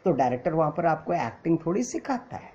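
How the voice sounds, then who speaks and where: A man's voice: fairly high pitch, big pitch swings, fast, darkish tone. A man teaching an acting class, explaining patiently and mixing English terms into his Hindi. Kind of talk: lecture. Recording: dull lo-fi recording.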